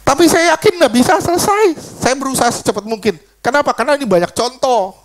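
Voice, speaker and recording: A middle-aged male preacher with a high-pitched voice delivers a lively, informal sermon. He swings between telling stories and throwing questions straight at the people in front of him. His tone stays conversational, even while he preaches. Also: fast talker. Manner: animated, fires rhetorical questions at the congregation; switches between preaching and storytelling.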